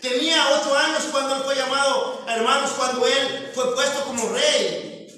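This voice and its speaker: Preaching as pastor in a church hall, a man with a Mexican Spanish accent addresses the congregation as brothers and asks them questions. His pitch is extremely high, his tone steady and sharp, and his pace moderate. The recording is distant and heavily echoey.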